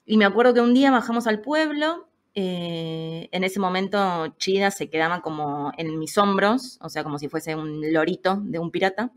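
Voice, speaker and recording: A woman in her thirties with an Argentine Spanish accent, a podcast guest telling a personal story in a lively, casual way and acting out the voices of people she quotes. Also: fairly low pitch, normal speed, few pauses.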